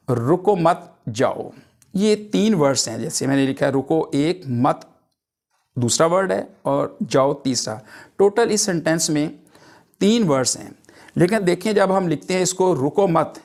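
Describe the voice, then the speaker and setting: A man teaching English grammar, explaining each term with several synonyms. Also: on the high side.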